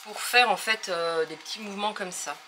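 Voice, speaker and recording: A woman's voice: mid-range voice, normal speed, pushed and bright, slight background noise. A woman hosting a casual craft tutorial, talking hesitantly with many fillers as she thinks aloud while working.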